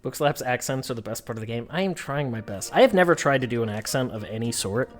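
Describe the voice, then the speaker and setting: Wry woman streamer with lively pitch. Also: fast. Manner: wry, self-deprecating and chatty. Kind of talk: casual gameplay commentary. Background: faint game music.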